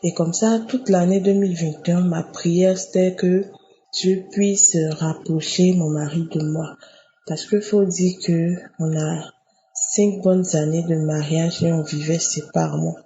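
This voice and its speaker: Low mellow woman giving earnest testimony. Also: fairly even intonation. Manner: earnest, halting with restarts. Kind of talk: spoken testimony. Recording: muffled lo-fi recording, faint noise.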